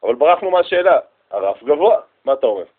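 A man teaches a Bible lesson in a classroom, talking in a lively way and acting out what the people in his story say. His voice sits fairly high. The recording is dull and muffled. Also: husky. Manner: lively, animated, acts out quotes. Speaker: religious teacher.

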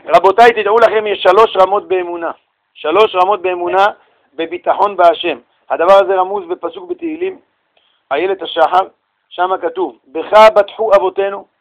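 A man with a high voice delivers a lively religious lesson, acting out scenes as he tells them. He swings between loud exclamations and hushed, intimate asides. The sound has the feel of a radio broadcast. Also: rough recording. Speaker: rabbi giving a Torah lesson. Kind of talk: lively sermon with storytelling.

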